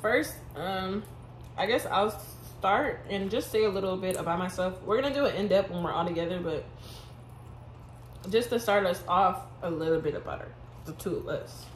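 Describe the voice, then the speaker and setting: A woman's voice: medium pitch, moderate pace. A young woman from Houston talks in a laid-back, candid way with easy laughs. Her voice rings in a roomy space with a faint hum of ambience behind her. She sounds like a college sophomore chatting with a friend on camera. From Houston, Texas. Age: young adult. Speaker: vlogger. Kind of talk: casual chat.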